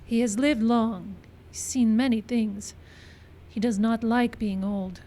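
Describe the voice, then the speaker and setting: Speaking slowly in a fairly high yet dark voice with a steady tone, a woman plays the proud, solemn middle-aged Pawnee daughter of an old man. It's old-time radio western acting at a live park stage show, delivered in formal, simple sentences, solemn and dignified. There is slight background noise.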